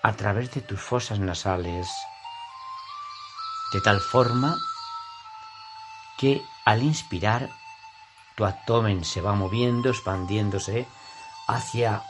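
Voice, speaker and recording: A man with a Castilian accent from Spain guides a yoga class as the teacher, in a soothing, unhurried, deliberate way with pauses between phrases. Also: on the low side, over music.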